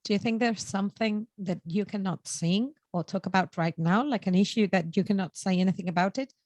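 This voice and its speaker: Fast-talking woman interpreter. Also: mid-range voice, dry recording. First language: Spanish. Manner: rapid and lively, laughing easily.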